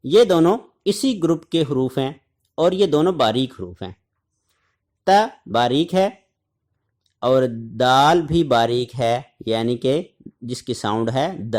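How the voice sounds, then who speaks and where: A man from Pakistan teaching a tajweed lesson, repeating syllables slowly and deliberately and chanting short recitation examples. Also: mid-range voice, lively intonation, darkish tone. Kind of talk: tajweed lesson, drilling letter sounds.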